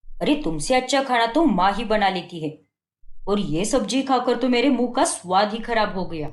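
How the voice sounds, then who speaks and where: A woman's voice: medium pitch, animated, normal speed, close to an everyday voice. A woman voicing a harsh, fault-finding young husband in a cartoon story, scolding and belittling. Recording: echoey room.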